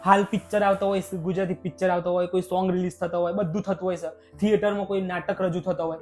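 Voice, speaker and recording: Fast-talking emotional young man. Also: high voice, soft background music. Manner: emotional, animated, talks in rushed bursts. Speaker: podcast guest, vlogger. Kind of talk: casual podcast conversation.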